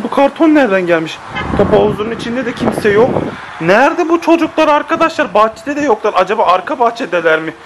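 A man filming a playful family vlog, teasing the kids and chatting to viewers in an animated way. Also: sits high, background noise. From Turkey. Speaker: family vlogger.

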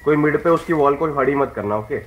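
A man playing an online shooter, directing his teammates with quick, bossy commands. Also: on the high side, muffled recording. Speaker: gamer calling shots to teammates. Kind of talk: casual team chat during an online shooter. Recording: noisy game sound behind voice.

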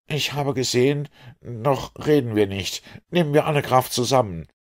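A man's voice: low voice, lively intonation, normal speed. A man voicing an exhausted, loyal manservant in an audiobook, speaking in a stammering, breathless way. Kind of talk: audiobook character voice.

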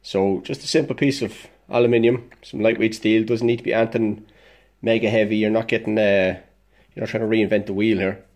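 A man's voice: on the low side, steady tone, fairly quick, darkish tone. Congested man explaining a workbench fix. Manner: blunt, plain-spoken, swears casually. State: congested, dosed up with illness. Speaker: DIY vlogger. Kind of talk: casual how-to explanation. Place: indoor workshop at a workbench.

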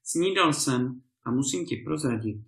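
A man's voice: medium pitch, lively intonation, fairly bright tone. A man voicing a cheeky young trickster with an innocent, mock-polite manner, in a storybook reading in an echoey room. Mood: innocent sly.

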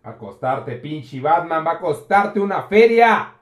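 A man's voice: a little high, lively intonation, unhurried. Man doing a sly greedy mover. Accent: Mexican. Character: greedy male removal man, blackmailing, crude. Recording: roomy home recording.

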